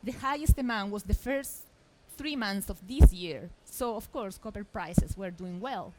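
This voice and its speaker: A middle-aged woman from Chile, giving a lively, emphatic conference presentation from a stage microphone. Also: mid-range voice, a little slow, heavy background noise. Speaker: journalist, conference speaker. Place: expo hall stage.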